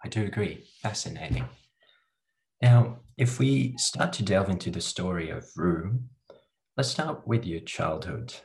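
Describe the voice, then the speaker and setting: A man's voice: low-pitched, animated, a little slow, creaky, darkish tone. A man interviewing a guest, asking questions and giving short encouraging replies. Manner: brief, encouraging prompts.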